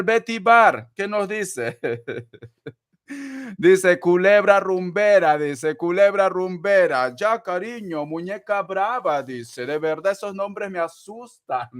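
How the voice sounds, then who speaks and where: A man's voice: sits high, animated, slow, a bit bright. A man in his forties, a tarot reader on a live stream, reading out viewer donations in a theatrical, gushing way and calling them sweetheart. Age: 40s.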